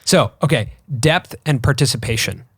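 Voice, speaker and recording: A man's voice: medium pitch, normal speed, slightly rough, no room sound, studio quality. A man in his thirties co-hosting a podcast, chatting casually with lots of fillers and likes. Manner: relaxed, conversational, frequent fillers. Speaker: podcast co-host. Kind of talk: casual chat.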